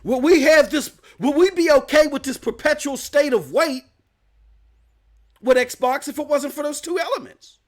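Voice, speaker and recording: A man's voice: extremely high pitch, normal speed. A man hosting a live gaming news stream, ranting emphatically with slang and rhetorical questions.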